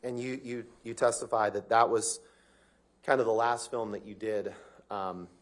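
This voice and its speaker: Low-voiced lawyer cross-examining, courtroom recording. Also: male voice, fairly even intonation. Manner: pointed, leading questions, brisk. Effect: courtroom recording played back.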